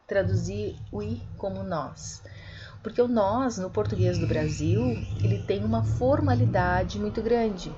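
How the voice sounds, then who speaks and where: A woman teaching an online literature class, explaining slowly, with many fillers and corrections. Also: mid-range voice, warm tone, highs cut off, a little hiss or hum. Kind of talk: online lecture.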